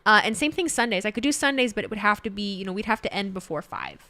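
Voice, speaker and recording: A woman's voice: medium pitch, expressive, fast talker, pushed and bright, dry recording. A woman in her thirties streaming and chatting casually, rambling and correcting herself as she reads chat. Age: 30s. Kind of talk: casual livestream chat, reading chat.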